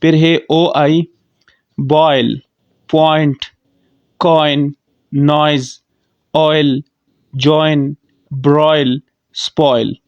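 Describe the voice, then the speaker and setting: A man teaching phonics, calmly explaining definitions and reading word lists. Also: fairly high pitch, no room sound, lo-fi sound. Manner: slow, deliberate, reads definitions and word lists aloud. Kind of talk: classroom explanation.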